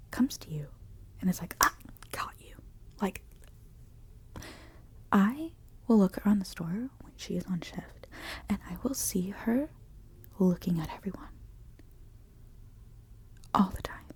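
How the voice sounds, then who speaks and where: A woman's voice: mid-range voice, husky. A young woman whispering a profane, ranting workplace gossip story as ASMR, growing heated, close to the mic. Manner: animated, gets heated. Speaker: ASMR creator. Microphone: close handheld recorder.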